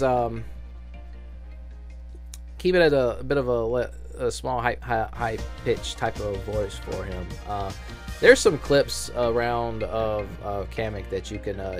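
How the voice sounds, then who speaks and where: Making a casual, unscripted announcement of auditions for a fan dub, a man with a lowish voice speaks hesitantly and rambles, frequently starting over.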